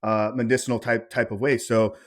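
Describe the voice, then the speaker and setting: A man's voice: medium pitch, flat delivery, brisk. A man hosting a podcast as a coach, asking casual questions with stammering repetitions. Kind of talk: interview questions.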